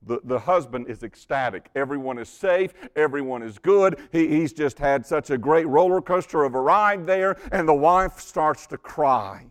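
Man preaching with lively, stammering delivery. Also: on the high side, moderate pace, few pauses. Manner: animated storytelling, drops to hushed intensity for emphasis; stammers on repeated words. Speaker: pastor. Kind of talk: sermon.

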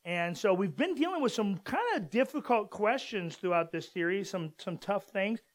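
A man's voice: high voice, expressive, normal speed. A man in his forties from Southern California, a pastor giving a casual, conversational sermon and rambling with many fillers and restarts.

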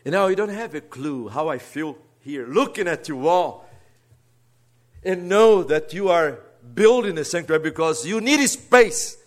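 With a voice on the high side, animated and a little slow, a Brazilian man with a Brazilian Portuguese accent preaches as a guest. He teaches at a seminary, and his earnest sermon alternates soft asides with emphatic rises.

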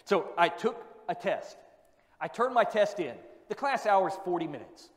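High-voiced pastor guy preaching, asks lots of questions, repeats his points, long echo like a big church. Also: big pitch swings, moderate pace. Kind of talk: sermon. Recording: long reverb of a large hall.

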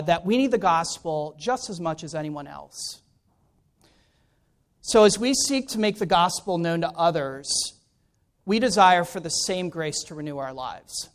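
A middle-aged guest preacher and pastor from Maryland introduces his sermon informally, in a conversational tone with a self-deprecating streak. His voice is high for a man, clean and smooth.

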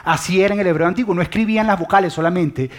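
A man's voice: sits high, rapid-fire. A man preaching a sermon, speaking directly to listeners with questions and dropping to a whisper on key words. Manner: mixes English phrases into Spanish.

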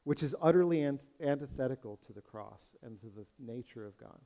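Earnest male pastor with a mellow voice. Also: mid-range voice, expressive, fairly quick. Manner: earnest, questioning, speaks to the congregation as friends. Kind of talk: sermon.

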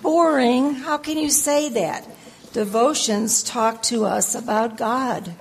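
A woman's voice: on the high side, takes it slowly, creaky, slight background noise. A woman playing a firm, busy grandmother in an amateur church skit, insisting on family devotions.

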